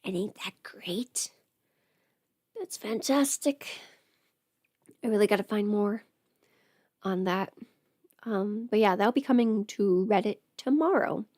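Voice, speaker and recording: A woman's voice: mid-range voice, slow, pauses often, a little mellow, no room sound, clean studio sound. A woman who is sick with a cold, chatting casually on a livestream in a self-deprecating, playfully sarcastic way. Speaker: audio script performer hosting a livestream. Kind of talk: casual rambling livestream chat.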